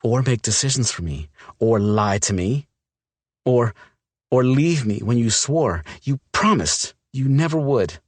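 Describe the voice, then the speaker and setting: A man's voice: medium pitch, expressive, measured pace, breathy edge, no echo, voice pushed up. A male narrator voicing a hurt, defiant young woman in an audiobook, his delivery emotional and shaky. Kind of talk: audiobook character voice.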